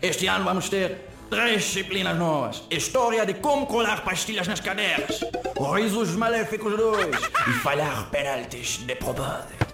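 A man's voice: high-pitched, expressive, moderate pace, gravelly. A man voicing a gleefully wicked villain-school headmaster, grand and theatrical, in a children's comedy story. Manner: grand, mock-sinister, theatrical speech-making. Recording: roomy echo, music behind.

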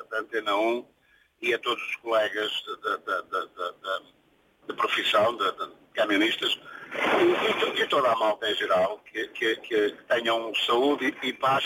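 A man's voice: mid-range voice, pushed and bright, breathy edge, low-quality recording. A man from Portugal, a truck driver calling in to a radio show, talking casually and often stumbling over repeated words. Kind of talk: casual phone-in chat.

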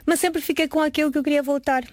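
Here a Mexican pastry chef in her late thirties, whose first language is Spanish, shares casual autobiographical stories as an interview guest. She talks quickly in a high, slightly mellow voice with fairly even intonation, and the recording is dry. Informal and chatty, she performs the conversations she recounts.

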